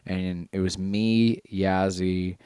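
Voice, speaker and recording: A man with a very low, deep voice talks in loose, casual podcast chat. He is blunt and swears freely as he tells his stories. The sound is dry and close. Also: flat delivery, takes it slowly, warm tone, clear, resonant tone, no room sound. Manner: blunt and profane, storytelling. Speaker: podcast co-host.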